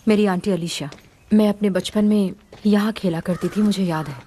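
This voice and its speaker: A woman's voice: medium pitch, steady tone, normal speed, mellow, slight background noise, natural voice. A woman dubbing a young female exorcist in a Hindi film, direct and urgent.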